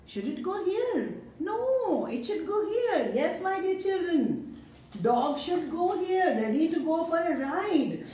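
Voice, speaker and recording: A woman teaching a phonics lesson to young children, speaking in Indian English with a sing-song, encouraging manner and slowly sounding out each letter. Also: extremely high pitch, big pitch swings, warm tone. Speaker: kindergarten teacher. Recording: very echoey room with faint background noise.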